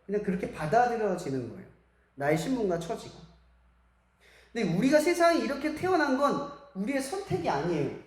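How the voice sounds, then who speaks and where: Young female preacher, animated questioning delivery, voice ringing in a big echoey hall. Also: medium pitch, fairly quick. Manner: animated, asks the audience many rhetorical questions. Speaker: preacher at a school church service. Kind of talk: sermon to young people. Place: church hall.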